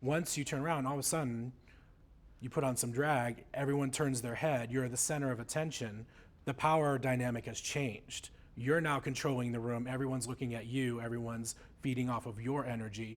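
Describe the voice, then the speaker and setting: A man's voice: mid-range voice, steady tone, moderate pace. A man in a documentary interview speaks emphatically, building his point step by step.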